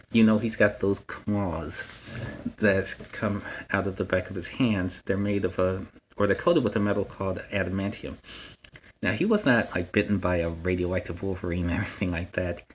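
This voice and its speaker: Man playing low-voiced, chatty Spider-Man storyteller. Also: a little hiss or hum, natural voice, poor audio. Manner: friendly, rambling, explains things simply. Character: Spider-Man, friendly, chatty masked superhero telling stories. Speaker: host of a story time series. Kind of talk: casual in-character storytelling to children.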